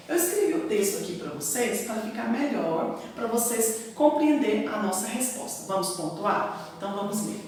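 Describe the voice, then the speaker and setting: A woman's voice: a little high, a little mellow, slight background noise. A Brazilian woman teacher giving a lesson to children, with a sing-song, emphatic delivery that keeps checking the class understands. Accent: Brazilian Portuguese. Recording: echoey room, recorded from a distance.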